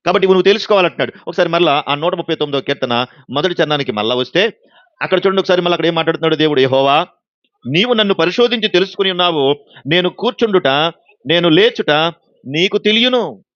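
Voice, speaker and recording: A man delivers a sermon at a quick clip with a high voice, putting questions to his listeners and acting out the voices he quotes. The sound is dry and slightly dull, as if recorded close with a basic mic. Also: fairly bright tone, no room sound. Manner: preaching with rhetorical questions to the congregation. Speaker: pastor.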